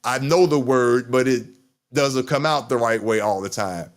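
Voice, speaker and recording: A man with a medium-pitched voice speaks at a measured pace while hosting a casual live podcast chat. He stutters and repeats his words.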